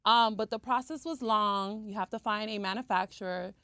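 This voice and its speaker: A woman born in Cuba who has lived in the US since age three speaks at normal speed in a mid-range, sharp-toned voice, with no room sound. She's an esthetician and skincare brand owner being interviewed on a podcast, chatting away and frequently checking in with the listener.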